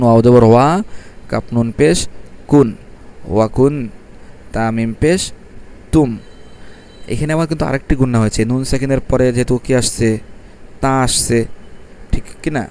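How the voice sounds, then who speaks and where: A male teacher with a soft, warm voice explains recitation rules at a mid pitch. He spells letters out one at a time and draws the syllables out slowly, answering his own questions as he goes. Faint traffic noise sits behind him. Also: steady tone. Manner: asks questions and answers them himself, repeats each rule. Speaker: Quran reading teacher. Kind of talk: step-by-step recitation lesson.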